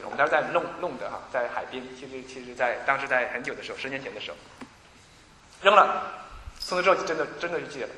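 A man preaching a sermon, telling stories in an animated way, with many restarts and repeated words. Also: medium pitch, roomy sound, in a large hall, a little hiss or hum, rough recording. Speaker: pastor.

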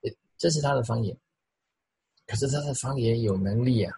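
A middle-aged man preaching with a deeply raspy, breathy voice. He is lively and demonstrative, repeats phrases for emphasis and acts out the sounds he talks about. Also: a little fast, rough recording. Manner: animated, vocally imitates the sounds he describes. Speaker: pastor. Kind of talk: sermon.

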